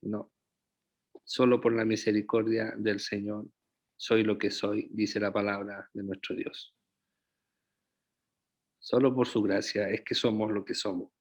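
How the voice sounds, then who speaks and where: Fairly low and with little pitch movement, a man's voice carries a pastor's sermon. He preaches slowly and deliberately. Along the way he frequently checks in with the congregation using rhetorical questions.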